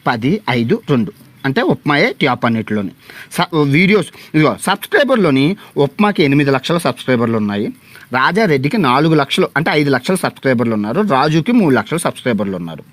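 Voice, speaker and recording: A man's voice: mid-range voice, very animated, fast talker, dry recording. A young man with a Telugu accent, ranting sarcastically and pleadingly on a livestream from a phone mic. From India. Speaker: travel vlogger on a livestream. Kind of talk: mocking livestream rant.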